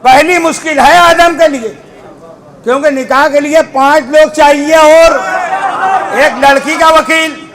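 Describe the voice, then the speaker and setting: A man preaching a Muharram majlis sermon to a gathering, impassioned, at times shouting and chanting Arabic phrases in a drawn-out way. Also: extremely high pitch, fairly even intonation, a crowd in the background, background noise.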